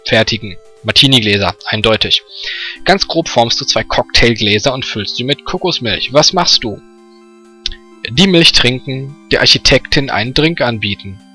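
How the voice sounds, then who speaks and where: A man's voice: mid-range voice, animated, moderate pace, bright, forceful tone, breathy edge, soft background music. A man hosting a let's play, reading game text aloud with joking, sarcastic asides.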